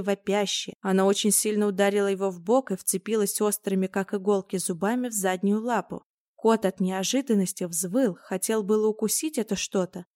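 A woman narrating a storybook with a steady, expressive reading. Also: mid-range voice, dry recording, studio quality. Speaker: audiobook narrator.

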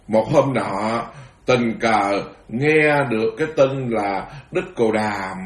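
Animated monk preaching. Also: male voice, mid-range voice. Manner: animated, laughing asides. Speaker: Buddhist monk. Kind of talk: dharma talk storytelling. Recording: roomy echo.

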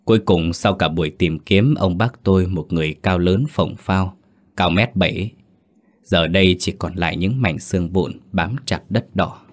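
A man narrating a ghost story in a measured, somber reading. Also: low voice.

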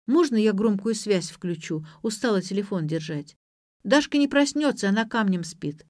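A woman voicing a blunt, rude young woman with loud, rough colloquial speech in an audiobook. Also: mid-range voice, expressive, moderate pace, no room sound, clean studio sound, natural voice. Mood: brash.

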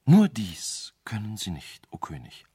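A man's voice: on the low side, huge pitch swings, unhurried, mellow, slightly rough, dry recording, studio quality, full character voice. A man voicing a frightened wise man in a radio play, pleading and desperate for his life. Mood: explaining.

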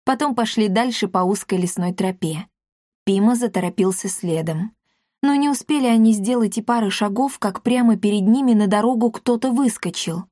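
A woman narrating an audiobook in a measured storytelling manner. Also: mid-range voice, dark tone, no echo, clean studio sound. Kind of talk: scripted narration.

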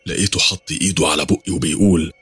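Husky, low Egyptian man narrating horror. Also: steady tone, fast talker, a bit bright, soft background music. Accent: Egyptian Arabic. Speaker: storyteller. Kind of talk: first-person horror story narration.

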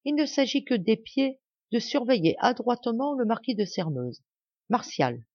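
A woman's voice: a little high, big pitch swings, normal speed, a little mellow, no room sound, voice pushed up. A scheming young noblewoman, read by a woman. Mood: commanding. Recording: slightly dull, dry recording.

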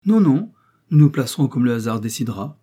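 A man voicing a fond, doting old English country gentleman in an audiobook. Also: mid-range voice, animated, brisk, breathy edge. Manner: warm, doting.

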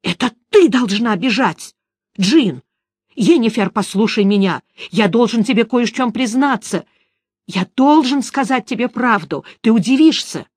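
Tough monster hunter guy yelling, woman doing the voice, urgent. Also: on the high side, animated, unhurried, husky, no room sound. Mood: pleading. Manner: shouting, urgent. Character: tough male monster hunter, pleading loudly.

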